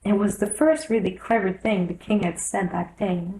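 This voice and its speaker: A woman narrating a scripted storybook in a measured, careful read-aloud manner. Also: medium pitch, steady tone, mellow. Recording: roomy echo on the voice.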